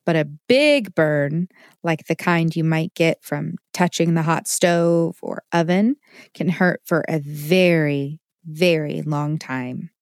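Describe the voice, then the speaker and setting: A woman playing a caring mother who calmly explains kitchen safety to her child in a children's show. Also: deep voice, slow, dry recording, clean studio sound. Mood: reassuring. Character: caring mother, warm and reassuring.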